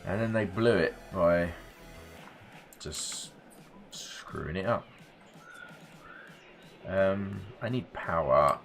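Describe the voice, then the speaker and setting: Deep-voiced man rambling over gameplay. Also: very slow, gravelly, pauses often, fairly bright tone, soft background music. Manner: rambling, wry, swears casually. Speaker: game streamer. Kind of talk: casual gameplay commentary.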